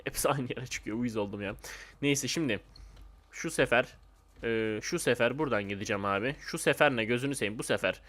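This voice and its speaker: A young man with a Turkish accent giving casual, excitable commentary over a game he keeps failing, often yelping and complaining. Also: mid-range voice, brisk. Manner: excitable, frustrated, yelps and exclaims at fails. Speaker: gaming YouTuber.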